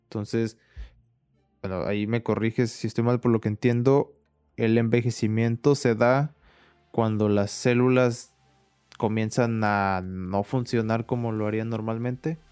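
Smooth low-voiced host. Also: male voice, unhurried, soft background music. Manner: relaxed, asks questions, thinks aloud with "este" and "o sea". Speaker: interviewer, host. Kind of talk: casual interview chat.

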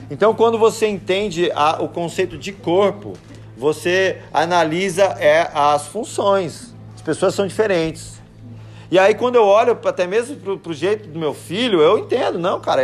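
A man giving a sermon as a pastor, shifting between Scripture and casual family stories. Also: high-pitched. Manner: conversational, anecdotal preaching.

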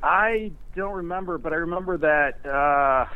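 Over a band-limited phone line, with a noisy crowd behind him, a man with a slightly high voice speaks at a measured pace as an interview guest. His casual conversation comes across as hesitant and self-deprecating.

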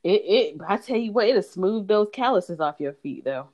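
Animated woman podcast co-host. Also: medium pitch. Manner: emphatic, animated, drawn-out stresses. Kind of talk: casual chat.

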